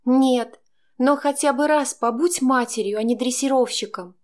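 A woman voicing a defiant young pregnant daughter who speaks in an agitated, sharp way. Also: high voice, normal speed, voice pushed up, natural voice.

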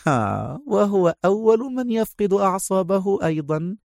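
A man voicing a proud, sharp-tongued young woman agent in an audiobook, speaking in a teasing, brisk way. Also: sits high, big pitch swings, creaky, dry recording, clean studio sound, voice pushed up, full character voice. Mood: mocking.

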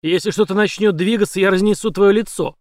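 A man voicing a menacing, bullying armed police chief who barks loud threats. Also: high voice, animated, brisk, no echo, pitched above the performer's own voice. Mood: threatening.

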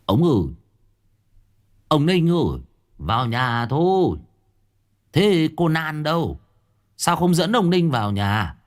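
A man's voice: on the high side, sing-song, slow, long pauses, voice pushed up. A man voicing a rowdy, nagging drunken village neighbor in a spoken ghost story. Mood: shrill scolding. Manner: loud, nagging, slurring banter.

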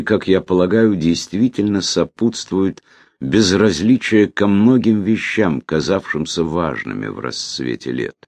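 A man reading a reflective memoir as audiobook narration, in a measured way with phrase ends that trail off. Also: deep voice, gravelly, no room sound.

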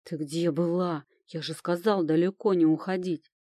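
A woman voicing a male demon lover who speaks in a low, slow, possessive growl. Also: fairly even intonation, mellow, dry recording, studio quality, close to an everyday voice. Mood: scolding.

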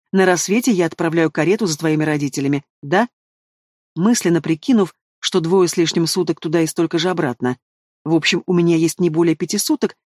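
Male narrator, fantasy audiobook, expressive first-person reading, high voice, dry close sound. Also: no room sound.

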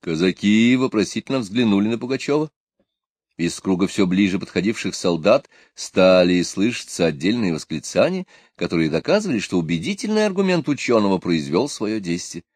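A man narrating a historical novel as an audiobook, with an expressive, varied reading. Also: fairly low pitch, brisk, dry recording, clean studio sound.

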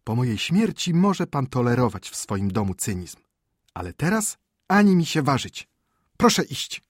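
A man reading an audiobook, voicing a panicky, scolding wife in a high, strained voice. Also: very animated, normal speed, husky, no echo, clean studio sound. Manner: frantic, reproachful. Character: panicky shrill middle-aged wife, prim and scolding. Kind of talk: audiobook character voice.

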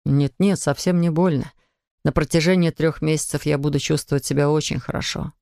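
A woman's voice: fairly even intonation, vocal fry, mellow, no echo, clean studio sound. Woman voicing a weary, resigned sick man. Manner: low, drawn-out, subdued. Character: weary, resigned grown man, gravely ill. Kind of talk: audiobook character voice.

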